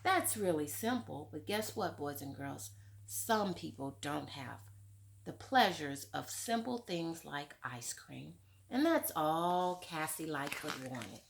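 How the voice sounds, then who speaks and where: Here a woman with a low, gravelly voice and a slight hiss or hum reads a picture book to children slowly and very animatedly. She follows up with a warm, teacherly discussion, asking the young audience questions.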